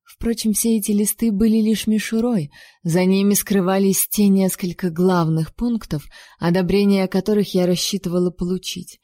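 A woman reading a first-person novel aloud, lively and playful in her storytelling. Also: mid-range voice, normal speed, dry recording, studio quality. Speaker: audiobook narrator.

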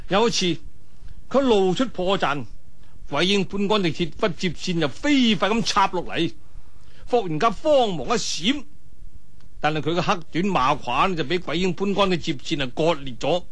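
Here a man's high, expressive, fairly bright voice moves at normal speed as he recounts a martial-arts tale with a Cantonese accent. True to traditional storytelling, he is dramatic and colloquial, throwing in interjections and sound effects made with his voice.

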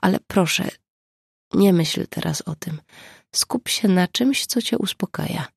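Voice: mid-range voice, unhurried, no echo, heavily acted. Brief: narrator as a composed woman, firm and reassuring, dry close sound. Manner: calm, clear and firm. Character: grown woman, steady and reassuring.

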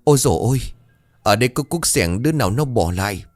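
A man's voice: lively intonation, normal speed, darkish tone, no room sound, soft background music, natural voice. A man voicing terrified young male household servants who cry out in panic. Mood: panicked. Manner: panicked, shrill cries.

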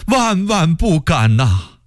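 A man voicing a frightened, fawning palace eunuch in a radio story, drawn-out and servile. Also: medium pitch, very animated, no echo, pitched above the performer's own voice.

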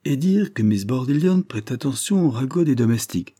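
A man reading aloud voices a light-hearted, mocking Victorian gentleman, teasing in tone. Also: mid-range voice, lively intonation, moderate pace, voice pushed up, natural voice. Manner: teasing, jocular.

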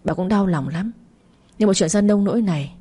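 A woman narrating a dramatic family story in a steady, scripted reading. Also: medium pitch, fairly quick, breathy edge.

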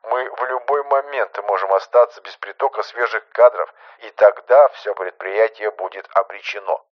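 Middle-aged male boss, hushed and steady, as a male narrator voices him; muffled audio. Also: natural voice. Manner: low, hushed, measured. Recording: muffled lo-fi recording.

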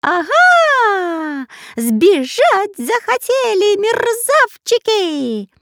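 A woman voicing a small, spiteful male parrot that screeches and shouts in a frantic, drawn-out way, read for an audiobook. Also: very high voice, very animated, dry recording, clean studio sound, voice pushed up, heavily acted. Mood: shrieking. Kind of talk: audiobook character voice.

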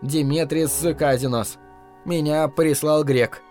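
A man reading an audiobook, voicing a terrified young messenger who pleads in a shrill, panicky voice. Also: steady tone, slow pace, a little mellow, soft background music. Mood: nervous.

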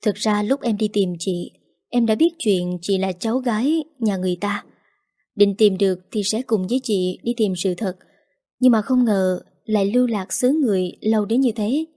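A woman's voice: medium pitch, normal speed, warm tone, close to an everyday voice. A woman voicing an injured young man who earnestly soothes and reassures his older sister. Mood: explaining.

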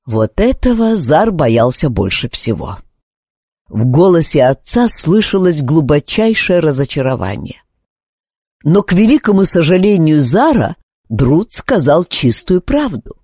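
A woman narrating a fantasy novel aloud in an expressive storytelling manner. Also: sits low, a little slow, husky, no echo, studio quality. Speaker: audiobook reader. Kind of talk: scripted narration.

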